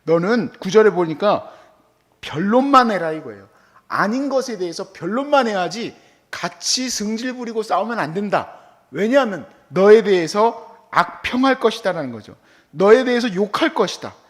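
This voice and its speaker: A middle-aged man preaching in a church, his voice pitched high and swinging widely up and down. He talks to the congregation like a friend, slipping into little acted-out quotes of what people say. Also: moderate pace. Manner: animated, conversational preaching with quoted asides. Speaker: pastor. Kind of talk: sermon. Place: church hall.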